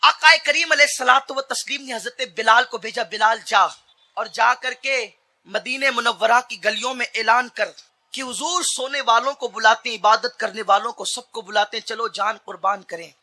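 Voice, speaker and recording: A man preaching an impassioned sermon, swinging between shouted climaxes and hushed storytelling. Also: very high voice, moderate pace.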